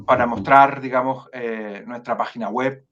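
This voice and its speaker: A Chilean man, director of a foundation, speaking as a guest in an online interview. He talks in a measured, hesitant way with many fillers and restarts. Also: mid-range voice, steady tone, a bit bright, dull audio.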